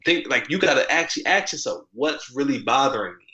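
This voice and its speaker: Male podcast guest, casual and animated, bright tone, heavy slang, dull roomy audio. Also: brisk. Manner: animated, jumps in pitch, slangy, repeats "like". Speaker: podcast guest, article writer. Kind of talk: casual conversational storytelling.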